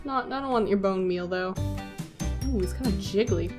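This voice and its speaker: A woman's voice: mid-range voice, moderate pace, music in the background. A woman in her twenties giving casual, sarcastic commentary as she plays a game. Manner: wry, sarcastic. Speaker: let's play host.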